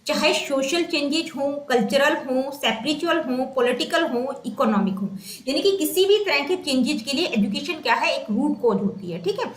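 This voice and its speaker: A woman teacher walks her students through exam material, often asking a question and then answering it herself. Her voice sits high and carries a clear echo from the room. She circles back to key points and slips English terms into her explanation. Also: lively intonation, moderate pace. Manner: mixes Hindi with English terms. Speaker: teacher preparing students for exams. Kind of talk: exam-prep lecture.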